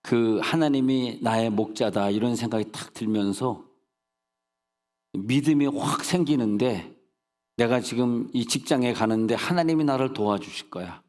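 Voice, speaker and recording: With a mid-range, expressive voice of darkish tone, this man preaches at a moderate pace. He's a senior pastor in a church sanctuary, spinning folksy humorous stories, adding jokes on the side, and checking in rhetorically with the congregation; the recording carries long hall reverb.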